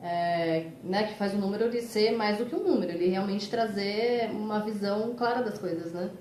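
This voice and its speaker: A woman's voice: mid-range voice, moderate pace, a little mellow, a little hiss or hum. Woman host prompting, echoey room. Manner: prompting, agreeing with short backchannels. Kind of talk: casual interview talk.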